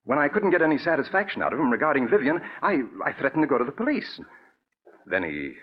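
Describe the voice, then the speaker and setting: An actor with an American accent playing an anxious, scheming murderer in a 1940s radio drama, hesitant and melodramatic. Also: male voice, a little high, sing-song, fast, breathy edge. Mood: grave, shaken. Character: anxious, scheming male murderer posing as grieving brother. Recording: muffled old radio recording.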